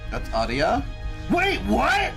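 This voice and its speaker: Playful gamer woman, wildly swooping pitch. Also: takes it slowly, gravelly, music in the background. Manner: playful, dramatic, expressive gamer reactions. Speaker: livestreamer. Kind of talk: casual gaming livestream chat.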